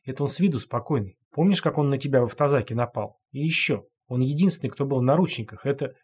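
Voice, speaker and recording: A frightened male prisoner pleads in a hushed, urgent voice, read by a male narrator. His voice is husky and strained. It is a dark audiobook scene. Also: mid-range voice, quick pace, natural voice. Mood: anxious pleading. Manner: anxious, pleading.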